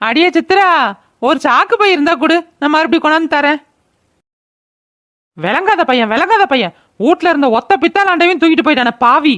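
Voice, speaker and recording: A woman's voice: sits high, lively intonation, a little fast, long pauses, fairly bright tone, no room sound. A woman voicing a bitter old village mother-in-law who wails and curses, in a cartoon. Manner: wailing, cursing laments. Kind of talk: cartoon voice acting.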